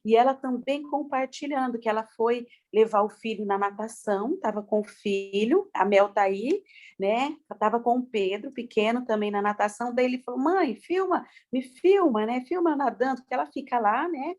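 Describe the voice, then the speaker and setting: A woman pastor talks over a video call, tearful and effusive, her words tumbling out with many fillers. Her voice sits fairly high. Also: normal speed, a little mellow. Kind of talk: testimony-filled church talk on a video call.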